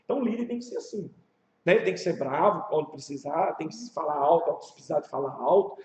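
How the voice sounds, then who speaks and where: A man with a Brazilian Portuguese accent, a pastor teaching a leadership class in a casual, animated storytelling way, asking his class rhetorical questions. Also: fairly high pitch, fast talker. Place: church classroom. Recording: echoey room, muffled sound.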